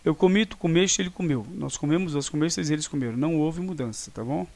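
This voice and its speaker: A man's voice: fairly high pitch, fast talker, vocal fry, darkish tone. A Brazilian man teaching a grammar lesson online, explaining patiently and often checking in with his students. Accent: Brazilian Portuguese.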